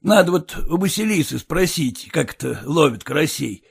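A man doing a fussy, gravelly old captain. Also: a little high, lively intonation, moderate pace, full character voice. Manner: fussy, hesitant, with filler sounds. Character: kindly fussing old captain. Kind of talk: audiobook character voice.

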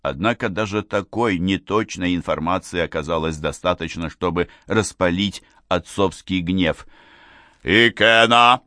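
A man reading a novel aloud in measured, even audiobook narration. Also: low voice, dry recording, clean studio sound.

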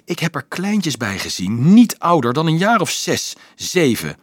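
A man reading an audiobook, voicing a teenage boy who is upset and bewildered, asking high, urgent questions. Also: wildly swooping pitch, measured pace, dry recording, clean studio sound, exaggerated voice.

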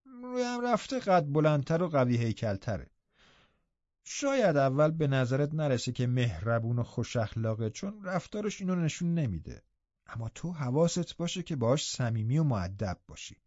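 A man voicing a kindly, patient middle-aged housekeeper woman who speaks gently and reassuringly. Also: medium pitch, big pitch swings, dry recording, highs cut off, lightly acted. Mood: gentle, reassuring.

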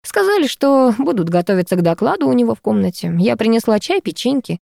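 A woman reading the part of a tired middle-aged mother who sounds cracked and blunt. The tone is mellow and dark, and the sound is dry and close. She states things without fuss, as in a storybook. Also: a little high, quick pace, creaky, no room sound, voice pushed up, full character voice. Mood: weary. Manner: flat, cracked, matter-of-fact.

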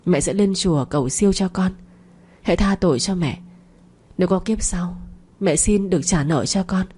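A guilt-ridden mother begs for forgiveness in a panicked, pleading way. A woman narrator plays her with a husky, dark voice. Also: lowish voice, moderate pace. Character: guilt-ridden middle-aged mother, frightened.

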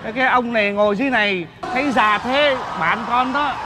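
A man's voice: very high-pitched, brisk, music in the background. A man playing a polite young grandson who stammers and rambles in a stage comedy sketch. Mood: earnest.

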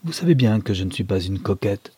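A man's voice: lowish voice, lively intonation, brisk, dark tone, slightly rough, dry recording. A man voicing a passionate young man in love who pleads ardently with the woman he adores, in a novel read aloud. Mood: wounded.

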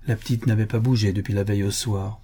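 A man reading a novel aloud as an audiobook narrator, in a solemn, measured way. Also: lowish voice, steady tone, warm tone, husky.

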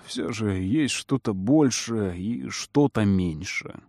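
A man reading a storybook aloud and voicing a calm, wise recluse who speaks softly and questions gently. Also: lowish voice, slow pace, vocal fry, dry recording, clean studio sound, voice pushed down, full character voice. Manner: soft, evasive, gently questioning.

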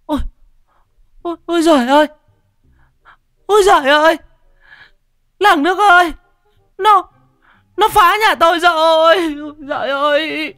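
A man voicing a panicked middle-aged village woman who wails in high-pitched shrieks. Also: unhurried, pauses often, bright, forceful tone, no echo, studio quality, heavily acted. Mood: shrieking panic.

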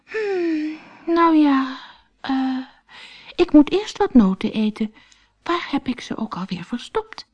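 A woman's voice: high-pitched, big pitch swings, slow pace, long pauses, darkish tone, muffled recording, voice pushed up, full character voice. A woman doing a drowsy squirrel. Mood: sleepy. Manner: drowsy, hesitant, mumbling. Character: sleepy, forgetful male squirrel.

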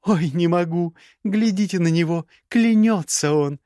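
Rich: An icy young sorceress, as a male reader puts her on, scornful and mocking, her voice pitched high and swinging widely as she cuts her former lover down. The recording is dry and close, with no room sound. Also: lively intonation, normal speed, darkish tone, no echo, close to an everyday voice. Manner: cutting, mocking, icy sarcasm. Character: sharp-tongued sarcastic young woman mage. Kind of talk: audiobook character voice.

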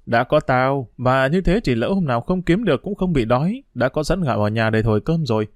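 A man reading a storybook aloud and voicing a sensible, thrifty street boy who reasons calmly and scolds gently. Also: mid-range voice, fairly quick, dry recording, clean studio sound, close to an everyday voice. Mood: reasoning. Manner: calm, reasoning, mildly scolding.

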